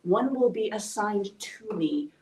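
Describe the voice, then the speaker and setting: A woman's voice: medium pitch, slow pace, crowd noise. Woman giving an emotional personal talk, sounds far off from the mic, echoey room. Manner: candid, emotional, with restarts. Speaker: event speaker. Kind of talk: personal story talk to a live audience. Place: event hall.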